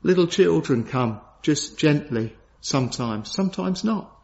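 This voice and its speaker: Male preacher with a high voice, earnest and solemn, urgent questions dropping to hushed gravity, dull lo-fi recording. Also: expressive, a little slow, gravelly. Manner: earnest, solemn, repeats key phrases for emphasis. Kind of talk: sermon. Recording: dull lo-fi sound.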